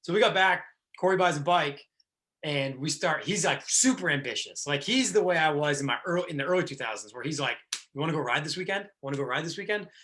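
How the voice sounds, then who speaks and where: A man's voice: on the high side, sharp tone. A man in his thirties hosting a podcast, talking casually and rambling with many restarts. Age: 30s. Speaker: podcast host. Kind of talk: casual chat.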